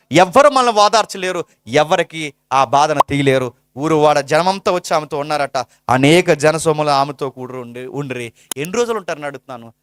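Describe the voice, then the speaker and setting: A man preaching a fervent sermon, his fairly high voice climbing sharply on his rhetorical questions before dropping to a hush. The sound is dry and close, with almost no room around him. He presses each point with repetition and urgency. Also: smooth, no room sound. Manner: impassioned, rhetorical questions, swings between hushed and loud.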